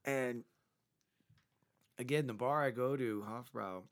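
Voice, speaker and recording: A man's voice: mid-range voice, slow pace. A man co-hosting a casual sports podcast, telling a bar story with lots of swearing and acted-out quotes. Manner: animated storyteller, swears freely, acts out quotes. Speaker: podcast co-host; bartender. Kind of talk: casual chat.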